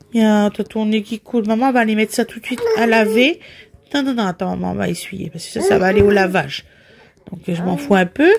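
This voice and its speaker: A woman's voice: medium pitch, vocal fry, a little hiss or hum. A woman vlogging casually at home, chatting and talking in sing-song baby talk to her son. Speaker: vlogger, mother. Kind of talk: casual home vlog chat.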